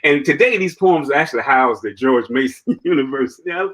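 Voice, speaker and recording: A man as an interview guest, telling his own story in an animated way, laughing often and filling his talk with "man" and "you know.". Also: medium pitch, brisk, low-quality recording. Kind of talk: personal storytelling in conversation.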